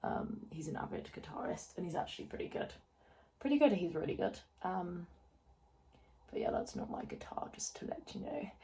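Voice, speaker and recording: Woman, twenties, vlogger, chatty and rambling, slightly low pitch, filmed on a phone at home. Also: very animated, normal speed, vocal fry, mellow. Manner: chatty, rambling, self-deprecating, lots of fillers. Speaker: fitness vlogger. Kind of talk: casual chatty get-ready-with-me vlog. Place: home, indoors. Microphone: phone camera held close.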